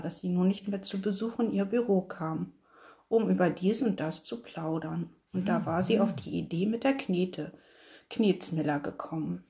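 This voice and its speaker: Woman, narrator, children's story read aloud, gentle, mellow voice. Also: mid-range voice.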